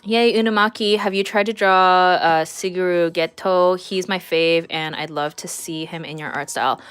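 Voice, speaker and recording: A woman in her thirties draws during a relaxed, informal livestream, chatty and giggly as she reads out viewer messages and answers them. Her voice is slightly low, clear and resonant, at a moderate pace.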